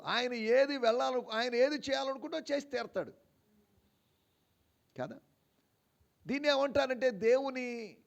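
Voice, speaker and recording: A male pastor preaching an animated sermon at a church service. He fires rhetorical questions at the congregation and swings between low quiet asides and raised, emphatic declarations. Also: creaky.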